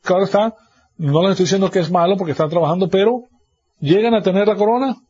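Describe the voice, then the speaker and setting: Man, preaching sermon, mocking mimicry of others, husky voice, muffled radio-quality sound. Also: high voice, fast talker, a little mellow. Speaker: pastor.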